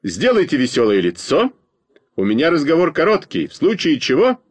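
A man's voice: fairly high pitch, wildly swooping pitch, normal speed, slightly rough, no room sound, voice pushed up, exaggerated voice. A man voicing a curt, tough-talking schoolboy photographer who speaks in clipped, threatening phrases, in a storybook reading.

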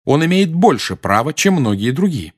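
A man reading aloud and voicing a grown wizard who speaks calmly and coldly but also with defiance. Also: a little high, moderate pace, voice pushed up. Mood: cool. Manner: calm, cold, and sometimes irritated. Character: cool, defiant grown wizard, godfather type.

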